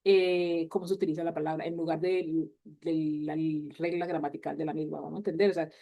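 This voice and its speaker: A woman's voice: low voice, little pitch movement, fairly quick, gravelly, dull audio. A woman teaching a class on English grammar, explaining step by step and mixing English words into her speech. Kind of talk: online class walkthrough.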